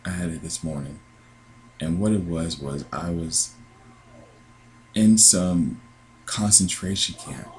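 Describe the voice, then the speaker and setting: A man in his twenties with an American accent, earnestly recounting a dream in halting sentences with frequent restarts. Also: sits low, slight background noise, rough recording. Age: 20s. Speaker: dream sharer. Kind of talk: personal testimony.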